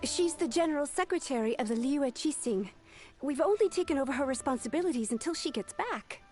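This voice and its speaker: A woman's voice: sits high, lively intonation, fairly quick, darkish tone. A woman voicing a dutiful young female secretary in a game who speaks politely and earnestly. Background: game music.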